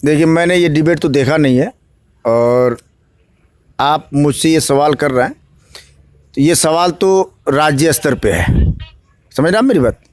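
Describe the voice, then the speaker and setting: Bihari man, candidate, high voice, preacherly answers building to declamation, dry close sound. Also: animated, measured pace, long pauses, no room sound. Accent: Bihari Hindi-Urdu. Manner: preacherly, rising to emphatic declamation. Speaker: election candidate. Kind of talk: political interview answers.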